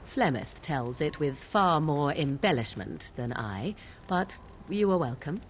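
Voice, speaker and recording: An actress voices an aloof, sardonic young witch of the wilds in a fantasy video game, using formal, archaic diction and a deliberate, theatrical delivery. Her voice is low-pitched with lively intonation, and there is a little hiss or hum.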